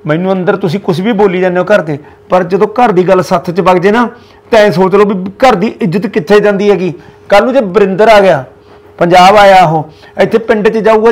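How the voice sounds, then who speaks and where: A man's voice: high-pitched, close to an everyday voice. An actor playing an older village father-in-law with a Punjabi accent who lectures his family about honour. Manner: scolding, lecturing.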